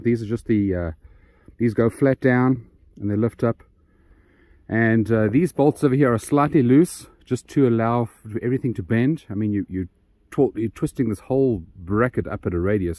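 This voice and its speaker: A man's voice: mid-range voice, dark tone, no echo. A man walking through his homemade solar panel mount outdoors, rambling with many ums and restarts, a bit out of breath. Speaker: DIY solar channel host. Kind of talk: casual walkthrough vlog.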